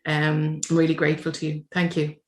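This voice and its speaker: A woman hosting a podcast interview, thanking her guest in a measured way. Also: low voice, completely flat delivery. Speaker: podcast host. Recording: echoey room.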